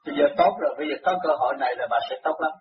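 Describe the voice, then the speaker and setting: A man's voice: fairly high pitch, racing, music in the background. A man acting as a spiritual counselor who reassures and lectures in casual chat. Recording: muffled recording, faint noise.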